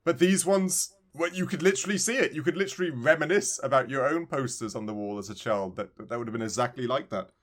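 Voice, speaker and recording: Talking fast with few pauses, this podcast co-host rambles enthusiastically through a casual video game conversation. He has a mid-range, slightly bright voice.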